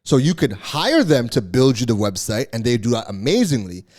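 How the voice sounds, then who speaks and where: A man's voice: medium pitch, big pitch swings, normal speed, darkish tone. A man hosting solo commentary as a business coach, emphatic and exasperated, repeating key words for stress.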